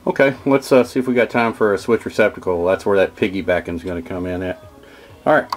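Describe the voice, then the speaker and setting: A deep-voiced, fast-talking Kentucky HVAC technician gives a folksy, meandering how-to demo in his home workshop, where the walls are wood-paneled. He fills his talk with "uh" and "okay, y'all," and soft music plays behind him.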